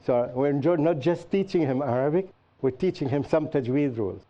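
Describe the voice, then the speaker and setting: A man's voice: a little high, moderate pace. A man teaching a class, often asking students what else they can name and explaining patiently with examples. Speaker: Qur'an teacher and show host. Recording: dull lo-fi recording.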